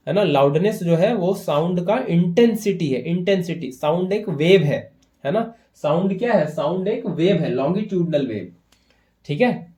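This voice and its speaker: Preparing students for an exam, a male physics teacher with a slightly higher, somewhat mellow voice works through the material step by step. He mixes English terms into his Hindi and repeatedly checks understanding with "है ना."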